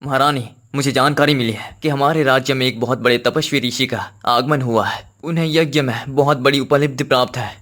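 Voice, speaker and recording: A man voices a devoted, earnest cartoon king who is also a husband and a worried father, speaking in formal, regal language with an earnest, concerned mood. His natural, mid-range voice is fairly bright and fairly quick, with few pauses.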